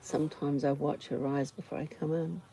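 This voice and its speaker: A woman from Auckland, New Zealand hosts a personal ramble vlog, musing unscripted outdoors in short, unhurried phrases with pauses between them. Her low voice is dark, flat and full of gravelly fry. Flies buzz and farm animals and insects sound faintly behind her, on a rough recording with a little hiss or hum.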